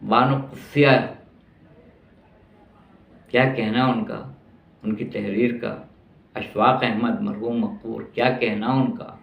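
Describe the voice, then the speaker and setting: An older man from Pakistan, reminiscing in a slow monologue and repeating phrases for emphasis. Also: on the low side, steady tone, vocal fry, fairly bright tone. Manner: slow, reflective, repeats phrases for emphasis, grows indignant about prices. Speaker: vlogger reminiscing about his city. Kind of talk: nostalgic monologue. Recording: roomy, dull lo-fi sound.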